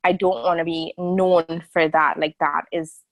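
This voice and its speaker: This is a low, flat, unhurried female voice, captured without echo but with the high frequencies cut off. She's in her early thirties, comes from a small island country, and chats candidly as a guest on a casual video-call interview, full of fillers and restarts.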